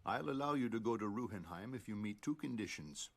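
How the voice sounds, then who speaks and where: An actor playing a firm, protective man of authority in an anime dub, stern and measured. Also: fairly low pitch, lively intonation. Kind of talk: anime dub drama acting. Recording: clear background noise.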